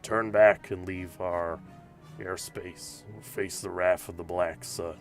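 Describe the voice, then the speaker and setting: A menacing tabletop-game gangster acted out by a man speaks in a low, gravelly growl. He issues stern threats like a hostile pilot, with music playing underneath. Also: fairly even intonation, takes it slowly. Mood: menacing warning. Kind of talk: game master voicing a tabletop character.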